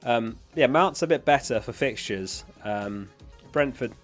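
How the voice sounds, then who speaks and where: This man's mid-range voice is animated yet measured in pace, set against soft background music. Hosting a livestream, he casually reads out viewer questions and answers them in a matter-of-fact manner, though being unwell is making his voice give out. He uses a close dynamic studio microphone.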